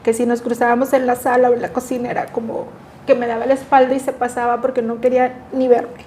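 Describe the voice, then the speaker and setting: Middle-aged woman, interview guest, earnest and reflective, slightly high voice. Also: flat delivery, quick pace, warm tone, slight background noise. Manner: earnest, reflective, acts out remembered dialogue. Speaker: guest sharing a personal story. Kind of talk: emotional personal testimony.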